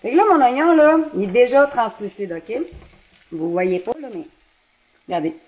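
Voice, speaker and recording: A woman's voice: fairly high pitch, big pitch swings, normal speed, a little mellow, poor audio. Chatty Québécois woman cooking live. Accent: Québécois French. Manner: chatty, talks to viewers' comments while cooking. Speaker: home cooking livestream host. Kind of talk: casual live cooking stream chat. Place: home kitchen with a sizzling pan.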